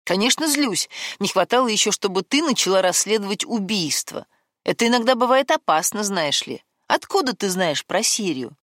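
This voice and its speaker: A woman's voice: medium pitch, animated, moderate pace, a bit bright, dry recording, clean studio sound, natural voice. A woman voicing a guarded man with a secret, coaxing and defensive by turns, in an audiobook.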